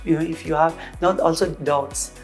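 A man's voice: fairly high pitch, fairly even intonation, moderate pace, darkish tone, soft background music. A young man from Iran, a pharmacy student, speaking earnestly and gesturing in an interview, recorded on a lapel mic in a lab. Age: young adult. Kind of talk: testimonial interview. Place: indoor lab.

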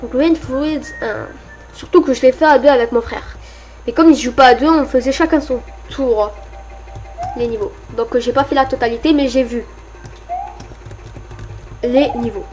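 Excitable high-voiced woman gaming. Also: moderate pace, long pauses, soft background music. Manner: excitable, frequently yelling and cursing at enemies. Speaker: let's play gamer. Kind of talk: casual gameplay commentary.

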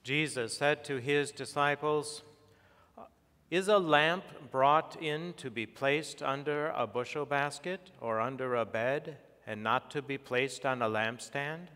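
Slow, solemn priest in cathedral echo. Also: male voice, mid-range voice, bright, forceful tone. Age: middle-aged. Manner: solemn, measured, formal recitation. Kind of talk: liturgical prayer and scripture reading. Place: large church sanctuary, at altar and lectern. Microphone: fixed church microphone on lectern or altar. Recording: long cathedral echo in a large church.

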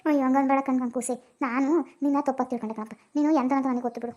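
A performer voicing an old village grandmother in a comedy cartoon, scolding fast and then pleading. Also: high voice, level tone, darkish tone, highs cut off, lightly acted. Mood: apologetic. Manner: scolding, rapid chatter.

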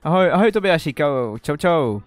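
A young man chatting casually on a live stream, excitable and stammering as he greets viewers. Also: on the high side, dry recording. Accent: Czech.

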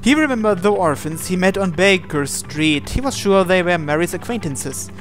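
Over game music, a channel host with a fairly high, slightly bright voice reads a game's story narration aloud and drops in casual asides. His delivery is expressive and moderately paced.

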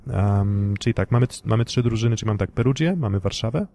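A man hosting a sports podcast, talking in a measured, analytical way and passing questions to his co-hosts. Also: on the low side, creaky, warm tone. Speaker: podcast host. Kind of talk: casual sports podcast discussion.

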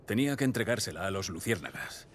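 An actor playing a weary middle-aged male survivor, speaking in a low, guarded, steady way in dubbed game dialogue. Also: fast talker, slight background noise, natural voice. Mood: tense. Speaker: game character.

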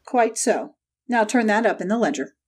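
A woman voicing a hot-tempered male poultry salesman, gruff and combative, in a dramatic audiobook. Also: mid-range voice, animated, normal speed, lightly acted. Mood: smug, challenging. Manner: gruff, combative, snapping delivery.

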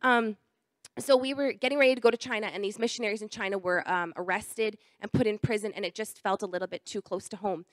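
A woman's voice: mid-range voice, fairly even intonation, quick pace, no room sound, clean studio sound. A young adult woman with a cold, telling a missionary testimony at church in a chatty way with many fillers. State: hoarse from a cold.

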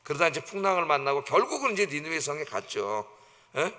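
A middle-aged male pastor giving an animated sermon in a church, telling the story vividly and often checking in with the congregation. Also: a little high, brisk. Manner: animated storytelling, acts out quoted voices, often asks "예?" to the congregation. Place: church sanctuary. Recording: church hall reverb.

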